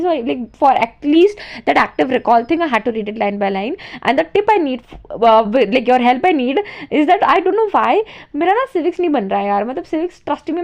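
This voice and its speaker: A woman's voice: high-pitched, lo-fi sound. A teenage girl with an Indian accent chatting casually in a study vlog, mixing Hindi and English and mocking herself. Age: teens. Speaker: student vlogger.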